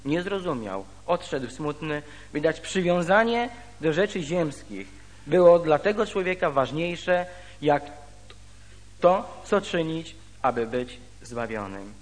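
A man preaching a sermon. He reads scripture aloud and then explains it slowly, with pauses. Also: on the high side, expressive. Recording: reverberant hall.

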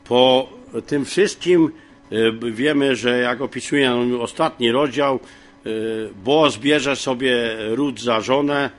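A man teaching from the Bible in a homely, rambling way, with many fillers and frequent throat clearing. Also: mid-range voice, slow pace. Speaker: preacher.

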